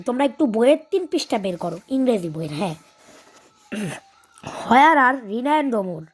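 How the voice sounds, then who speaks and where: A woman with a high-sitting voice teaches a video lesson, explaining things carefully, hesitating often, and reading English lines slowly.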